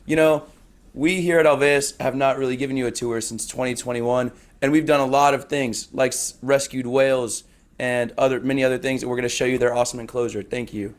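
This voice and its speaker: A man's voice: medium pitch, steady tone, a little fast. A man filming and co-hosting a casual vlog, joking around in a goofy, mock-hyped way. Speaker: co-host and camera operator.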